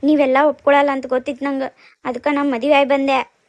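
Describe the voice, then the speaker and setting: A woman voicing a young bride in a cartoon, with a North Karnataka Kannada accent and a soft, pleading manner. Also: high voice, level tone, a little fast, dry recording. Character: young bride defending her elopement. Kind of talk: cartoon dubbing.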